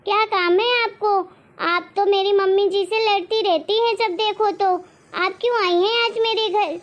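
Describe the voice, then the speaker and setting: A woman's voice: very high voice, fairly even intonation, normal speed, muffled recording. A woman voicing a quarrelsome, hot-tempered eldest daughter-in-law in a cartoon story. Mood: rude. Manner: angry, threatening, self-pitying.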